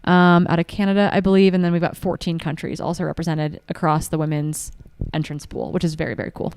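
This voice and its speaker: A woman co-hosting a casual chat show, talking quickly and with enthusiasm, often saying "like". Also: deep voice, clean tone, no room sound, clean studio sound. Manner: quick, animated and enthusiastic, piling on "like". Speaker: podcast co-host and race commentator.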